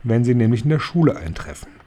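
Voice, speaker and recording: A man's voice: medium pitch, sing-song, quick pace, mellow, slightly rough. A man voicing a domineering, scornful female head witch who lectures with commanding authority in an audiobook reading.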